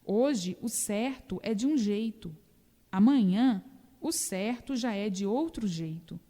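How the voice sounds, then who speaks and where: A woman reading a doctrinal book aloud in a measured, repetitive preaching cadence. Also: mid-range voice, lively intonation, warm tone. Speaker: reader. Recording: long reverb.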